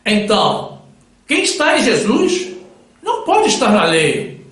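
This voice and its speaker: High-voiced male preacher, solemn slow sermon, lively pitch, very echoey room. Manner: solemn, addresses listeners as brothers. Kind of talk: sermon with Bible readings.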